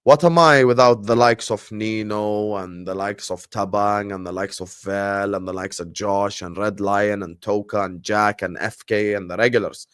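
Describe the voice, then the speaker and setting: Hosting a livestream watchalong, a man from Jordan speaks with an Arabic accent, his native tongue being Arabic, keeping the chat casual and lively and giving viewers shout-outs. He has a lowish voice.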